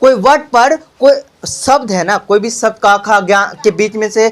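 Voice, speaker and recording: In a noisy classroom recording with clicks, a young adult tuition teacher quizzes the children again and again in call-and-response style, addressing them as beta. He speaks at normal speed in a voice that sits high.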